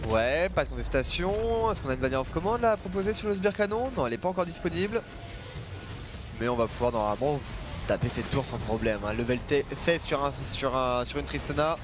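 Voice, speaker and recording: A man's voice: medium pitch, animated, brisk, background noise. A man doing live esports commentary as a caster, speaking emphatically and often repeating phrases for effect. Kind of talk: live esports commentary, excited play-by-play and analysis. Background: music under the voice.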